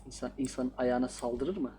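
A man's voice: mid-range voice, fairly even intonation, normal speed, mellow, slight background noise. A man playing a horror game and commenting casually, joking and talking back to the characters on screen. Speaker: gaming YouTuber.

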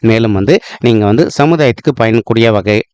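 A man's voice: mid-range voice, brisk, darkish tone, no room sound, studio quality. A man hosting an astrology channel, giving a casual spoken forecast in a polite, repetitive way full of fillers and stock phrases, addressing viewers as friends.

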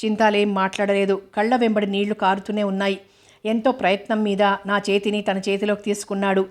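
A woman reading a novel aloud as an audiobook narrator, in a steady, even storytelling read. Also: mid-range voice, brisk.

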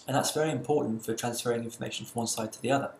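A man giving a recorded university lecture, explaining in a measured way with occasional fillers. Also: medium pitch, fairly even intonation, creaky, roomy sound, slight background noise.

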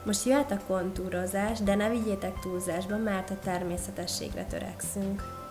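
A young woman, a beauty vlogger, talking viewers through a makeup tutorial in a friendly, instructive way, filmed close in a small bright room. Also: medium pitch, fairly even intonation. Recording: clear background music. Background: background music.

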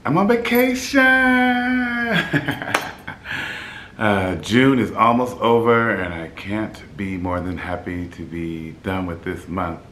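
A man in his fifties, a flight attendant who vlogs, chats cheerfully to the camera from his apartment beside a city window. His deep baritone is a little scratchy in the throat and slightly bright, and he speaks slowly, laughing easily, in a room with noticeable echo.

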